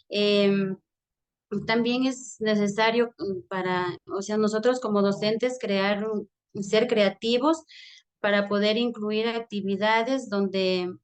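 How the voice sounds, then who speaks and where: Slow, hesitant woman student presenting. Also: medium pitch. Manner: hesitant, many fillers and pauses. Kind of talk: class presentation.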